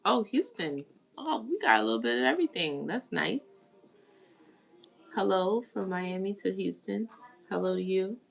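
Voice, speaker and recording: A woman's voice: mid-range voice, sing-song, moderate pace, gravelly. A woman from the United States hosting a tarot live stream, chatting casually and greeting viewers as she reads their comments. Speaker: tarot reader.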